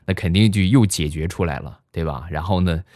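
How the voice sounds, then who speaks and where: A young man hosting a show, telling funny stories in a lively, chuckling manner. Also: deep voice, fairly quick, dry recording, studio quality. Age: young adult. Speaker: host. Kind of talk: comedic storytelling monologue.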